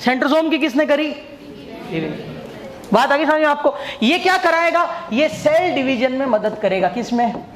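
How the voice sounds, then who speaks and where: A man's voice: very high-pitched, expressive, moderate pace. A male coaching teacher giving an exam-prep biology lecture. He jokes and tells stories, and he keeps quizzing the class with repeated questions. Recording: echoey room, faint background noise.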